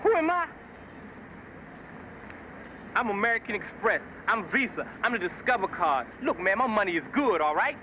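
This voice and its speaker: A brash, fast-talking customer with a high, bright, forceful voice. He rants in an over-the-top, theatrical way. The audio is a dull film soundtrack with faint background noise. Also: very animated, exaggerated voice. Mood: ranting. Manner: indignant, over-the-top ranting.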